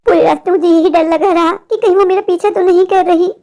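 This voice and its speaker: A woman voicing a lecherous, cowardly married man in an animated horror story, muttering asides to himself. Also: very high-pitched, brisk. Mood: frightened.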